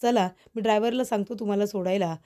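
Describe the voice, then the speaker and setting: A young male boss from a family serial, earnest and formal with his employee, read out by a woman narrator. The voice stays mellow and soft-edged. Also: mid-range voice, steady tone, fast, close to an everyday voice. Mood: concerned. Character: angry young man, office boss.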